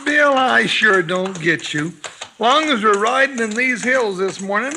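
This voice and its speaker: A very high-voiced, folksy cowboy sidekick. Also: male voice, expressive, unhurried, sharp tone, heavily acted. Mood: grumbling. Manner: exclamatory, plaintive, folksy. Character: folksy, fretful, comic male cowboy sidekick. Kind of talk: old-time radio Western acting. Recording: noisy 1950s radio recording.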